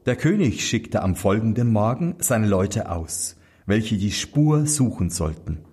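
Guy reading a fairy tale real slow, husky voice, big swoopy melody. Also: on the low side, very animated, darkish tone. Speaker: storyteller.

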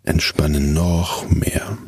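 A man narrating a scripted guided relaxation exercise in a soft, calm, soothing voice with measured, drawn-out instructions. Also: extremely low pitch, breathy edge, dry recording.

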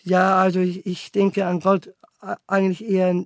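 Young adult man, aspiring actor; high, flat delivery, earnest and stumbling, dry recording. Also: no room sound. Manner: halting, earnest, many restarts. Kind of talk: casual monologue to camera.

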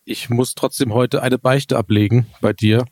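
A man co-hosting a German tech podcast, telling stories in a relaxed way with many fillers. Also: medium pitch, moderate pace, dry recording. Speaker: podcast co-host. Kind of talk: casual tech chat.

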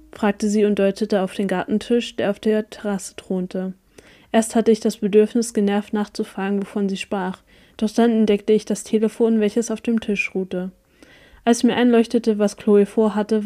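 A woman reads a first-person story aloud with an even, steady delivery. Her voice is warm and mellow, set at a middling pitch for a woman. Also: moderate pace. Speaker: audiobook reader.

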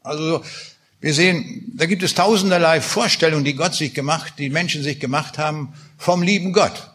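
A man preaching a sermon, emphatic and slowing down on key phrases as he quotes scripture. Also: on the high side, fairly bright tone, husky.

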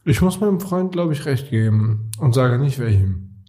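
Mellow-sounding dude on a podcast, jokey, keeps restarting his thoughts. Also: mid-range voice, animated, moderate pace. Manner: joking, thinks aloud with restarts. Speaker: podcast co-host. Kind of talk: casual pub-style chat.

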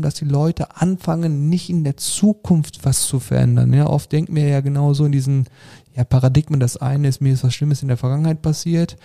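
In casual interview talk, a man describes his approach as a life coach, with frequent fillers and restarts. His mid-range voice is gravelly and warm.

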